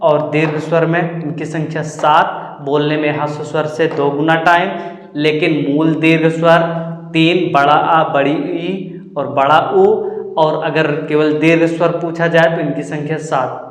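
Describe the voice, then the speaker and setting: A man's voice: on the high side, flat delivery, a little slow. A man teaching a Hindi grammar lesson for exam preparation, explaining step by step and sounding out vowels as examples. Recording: echoey room with long reverb.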